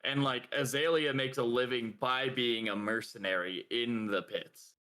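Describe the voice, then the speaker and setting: A young man with a bright, forceful voice co-hosts a casual podcast. He rambles along, padding his talk with fillers and breaking into laughter now and then. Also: mid-range voice, fairly even intonation, measured pace, clear, resonant tone. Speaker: podcast co-host. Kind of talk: casual chat.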